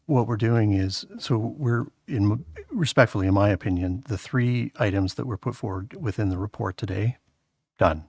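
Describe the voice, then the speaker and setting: Man chairing a council session, halting delivery, gravelly low voice, dry. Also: a little mellow, dry recording. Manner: halting, many filler sounds. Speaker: meeting chair.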